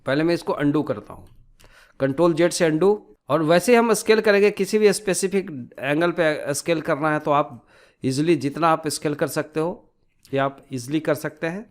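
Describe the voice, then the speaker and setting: A man with a fairly high voice walks learners through a screen tutorial at a moderate pace, explaining each step informally like an instructor. He keeps tacking on little tag questions to make sure they're keeping up.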